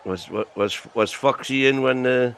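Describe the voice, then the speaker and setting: A man's voice: mid-range voice, moderate pace, a bit bright, clear, resonant tone. A man co-hosting a casual match watch-along, tired after a long night of drinking, joking and chatting with a few stumbles.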